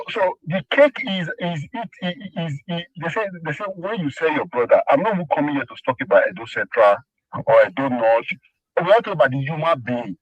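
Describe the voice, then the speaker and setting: A man's voice: fairly high pitch, a bit bright, husky, no echo. A Nigerian man calling in over a phone put on speaker, making emphatic points, repeating himself and restarting sentences. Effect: heard over a phone on speaker. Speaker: caller. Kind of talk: heated call-in commentary. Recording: muffled phone speaker audio.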